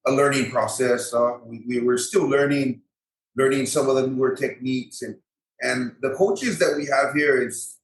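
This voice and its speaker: A man's voice: mid-range voice, fairly even intonation, moderate pace. A man with a local Hawaiian accent chatting casually as an interview guest, repeating phrases and using colloquial grammar. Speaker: MMA fighter and gym owner, podcast guest. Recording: echoey roomy sound.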